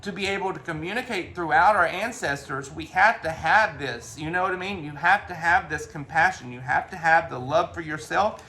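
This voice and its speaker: A man's voice: fairly high pitch, moderate pace, few pauses, sharp tone, slight background noise. A man giving a casual spiritual talk as a reader, rambling along with frequent restarts and the odd swear word.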